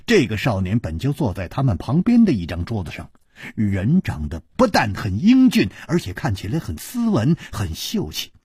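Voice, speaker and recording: Male broadcast storyteller, husky, lively swings in pitch, reads with drama. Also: normal speed, no room sound, clean studio sound. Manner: animated, expressive delivery.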